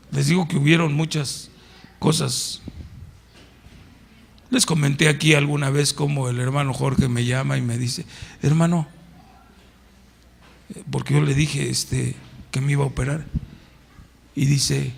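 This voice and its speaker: A man's voice: on the high side, fairly even intonation, unhurried, creaky, pauses often. A middle-aged man with a Mexican Spanish accent, a pastor preaching in church in a conversational way and putting questions to the congregation. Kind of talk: sermon.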